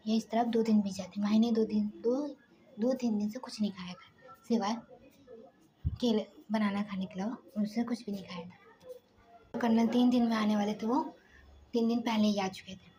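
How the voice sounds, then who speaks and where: A woman narrating a story casually, halting and restarting, often dropping to a hush. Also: medium pitch, steady tone. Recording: noisy background hiss.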